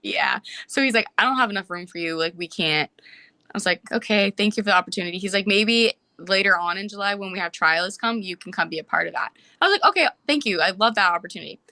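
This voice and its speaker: A young woman tells a long story as a podcast guest, her speech quick and peppered with "like." Her voice is bright and forward, and the sound is dry and close with no room around it. The tone is casual and lively. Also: mid-range voice, no room sound. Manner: animated, fast storytelling with many "like"s. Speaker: podcast guest, soccer player.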